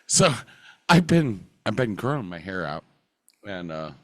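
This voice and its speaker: A man with a blocked-up nose, chatting casually and haltingly as a podcast co-host. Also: on the low side, big pitch swings, dry recording, studio quality. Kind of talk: casual chat.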